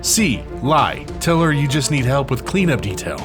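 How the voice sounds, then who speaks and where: Over background music, a man narrates an interactive audio drama in a suspenseful, theatrical scripted style. His mid-range voice is very animated, and he leans on dramatic pauses.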